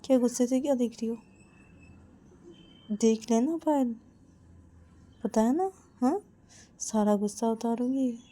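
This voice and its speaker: A woman's voice: fairly high pitch, unhurried, pauses often, mellow, pitched above the performer's own voice. A woman voicing a sulky, jealous young woman who mutters threats in a pouting way. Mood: muttered threats.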